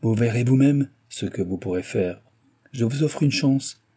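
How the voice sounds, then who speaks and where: A man's voice: mid-range voice, expressive, unhurried, mellow, slightly rough. A man putting on a cool, scheming young woman. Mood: bargaining. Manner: cool, bargaining.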